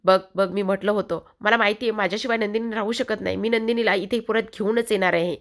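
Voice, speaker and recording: A woman voicing an excited young husband determined to bring his wife back home. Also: medium pitch, fast, close to an everyday voice. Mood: eager. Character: lovesick young man eager to fetch his wife.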